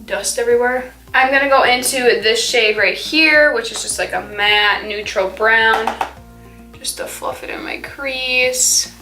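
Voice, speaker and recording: Talking a little slowly, a teenage girl with a fairly high, bright, forceful voice walks through her makeup in a casual tutorial chat. As a beauty vlogger, she drops "like" constantly and lets her thoughts trail off. The recording has room echo and faint music.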